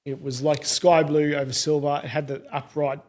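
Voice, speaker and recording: A man's voice: on the high side, level tone, normal speed. A man with a broad Australian accent chatting casually, in a laid-back, colloquial and self-deprecating way. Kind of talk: casual car chat.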